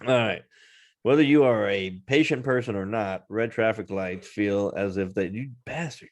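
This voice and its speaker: A man's voice: on the low side, moderate pace. A man co-hosting a podcast in casual chat, laughing often, teasing and swearing. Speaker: podcast co-host.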